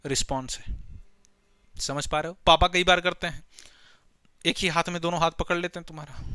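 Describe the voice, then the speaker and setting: A man's voice: on the high side, a bit bright, no room sound. A man teaching a biology lecture in a playful way. He keeps asking questions and then answers them himself, and he calls his listeners his children. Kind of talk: classroom lecture.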